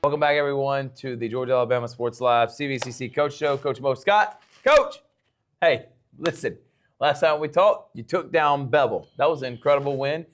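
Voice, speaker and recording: A man's voice: medium pitch, a little fast, soft background music. An American man hosting a local sports interview show, chatty and encouraging as he builds up long questions.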